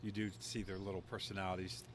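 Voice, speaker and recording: A man's voice: sits low, level tone, quick pace, noisy background. A man hosting a podcast, chatting candidly and laughing easily in an outdoor courtyard. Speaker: podcast host. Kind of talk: casual conversation.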